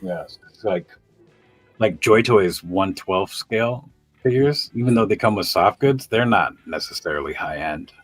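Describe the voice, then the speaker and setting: A very deep, husky male voice from a man in his fifties, talking on a video call. He is chatty and candid, and he swears freely. The sound is dry and close. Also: animated, unhurried, dry recording, faint music behind. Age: 50s. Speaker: guest collector. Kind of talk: casual chat on a charity livestream.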